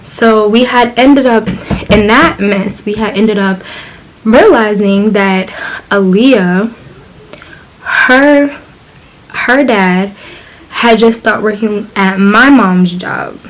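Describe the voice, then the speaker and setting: A woman's voice: medium pitch, slow, pauses often, poor audio. A young woman telling a personal story on camera in a casual, slangy way, full of fillers. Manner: chatty, filler-heavy, slangy. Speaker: vlogger.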